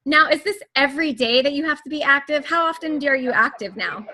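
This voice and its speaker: A woman's voice: high-pitched, fast, sharp tone. A woman hosting an interview, asking questions and encouraging her guest with frequent short replies. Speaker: host.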